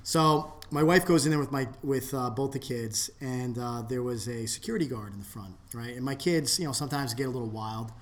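A man in casual podcast chat, telling a long story with many restarts and trailing off into low mutters. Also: brisk, few pauses. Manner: rambling, restarts often, drops to a low mutter when quoting.

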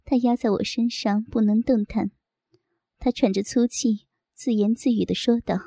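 Woman, audio story narrator, higher voice, mellow, intimate, dry close recording. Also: steady tone, normal speed, vocal fry, dry recording. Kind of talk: first-person audio story reading.

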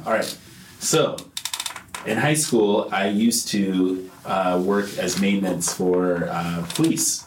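A man telling a playful story in casual chat at a group meeting, building suspense. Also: deep voice. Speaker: church group member. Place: meeting room. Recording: echoey room with faint noise.

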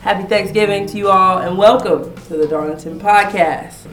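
A woman's voice: mid-range voice, normal speed, a bit bright. Upbeat woman host, casual interviewer, recorded in a reverberant room. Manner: upbeat, chatty Southern phrasing. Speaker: podcast host, school administrative assistant. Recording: echoey room.

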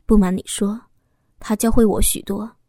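A woman voicing a young man who is a teasing, devoted lover, speaking in a sly, soft, intimate way. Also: medium pitch, little pitch movement, normal speed, no echo, studio quality, lightly acted. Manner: playful, sly, softly intimate.

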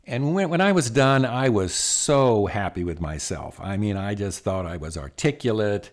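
A middle-aged man, an executive coach, telling stories in a lively, conversational way with frequent restarts and asides. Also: lowish voice, normal speed. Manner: animated, many restarts and asides. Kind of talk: conversational storytelling.

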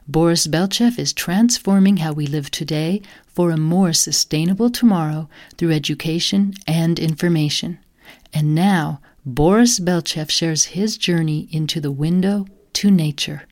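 Lady podcast host, upbeat and gushy, lowish voice, super dry mic. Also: darkish tone, no echo. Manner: upbeat, effusive welcoming. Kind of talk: scripted podcast narration and interview.

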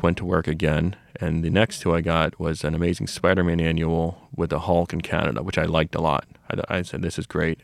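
Low gravelly man telling stories. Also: dry recording. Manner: rambling, with restarts and asides. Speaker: comic shop owner, podcast regular. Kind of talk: casual storytelling conversation.

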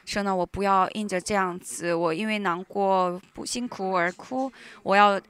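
A woman interpreting a sermon live in a church, speaking in halting phrases with frequent restarts and fillers. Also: mid-range voice, a bit bright, clean tone. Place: church hall.

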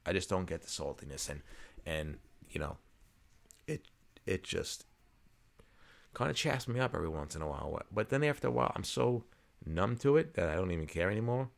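A man's voice: deep voice, very animated, brisk, vocal fry, pauses often. A man, co-hosting a podcast in casual chat, joking and ranting. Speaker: podcast co-host.

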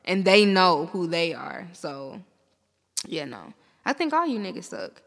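Bright-voiced woman, reverberant room. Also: on the low side, gravelly. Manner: animated, slangy, quick to laugh. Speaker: podcast host. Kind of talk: casual, profane banter.

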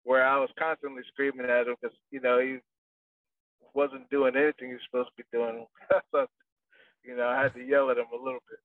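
A boxing trainer talks casually in an interview, rambling with plenty of fillers and restarts. His mid-range voice is flat and a little fast, and the dry recording sounds distant and phone-like.

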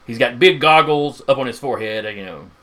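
A man narrating a tabletop game as game master, informal and halting as he improvises. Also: medium pitch, sharp tone.

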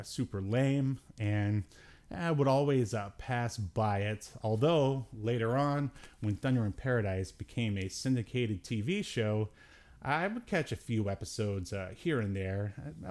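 A podcast host in his forties, with a fairly low, darkish voice, rambles casually about films and drops in wry asides.

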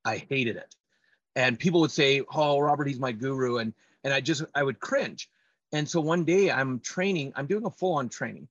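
A man's voice: mid-range voice, lively intonation, normal speed, fairly bright tone, husky, no room sound, lo-fi sound. A man speaking as an interview guest, telling personal stories conversationally and emphatically. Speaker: podcast guest, trainer and speaker.

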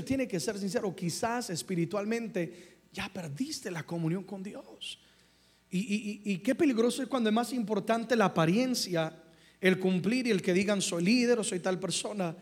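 A young man preaching a sermon as pastor, swinging from hushed passages to loud ones and calling out for replies from his congregation. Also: high voice, expressive, normal speed, slightly rough.

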